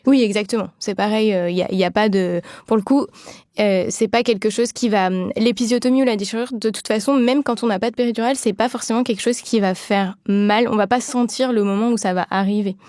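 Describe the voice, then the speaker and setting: A woman's voice: mid-range voice, steady tone, brisk, darkish tone, no room sound, studio quality. A woman midwife explaining things in a podcast interview, with many fillers and restarts.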